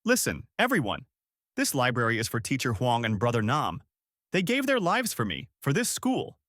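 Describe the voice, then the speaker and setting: A man voicing a determined village schoolteacher woman who shouts and pleads in a story. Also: medium pitch, wildly swooping pitch, normal speed, dry recording, studio quality. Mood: desperate shouting.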